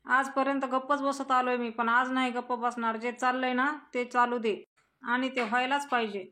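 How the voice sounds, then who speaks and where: Brief: a woman reading a resentful brother, even delivery. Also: sits high, moderate pace. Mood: defiant. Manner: read out plainly in the narrator's own voice. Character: resentful younger brother demanding his share.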